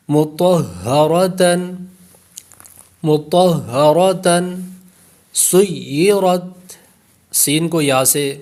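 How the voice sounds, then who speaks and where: A man with a Pakistani Urdu accent teaching a tajweed lesson, quickly explaining letter rules and then reciting each word slowly and drawn out. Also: medium pitch, darkish tone. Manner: slow drawn-out recitation of single words between quick explanations.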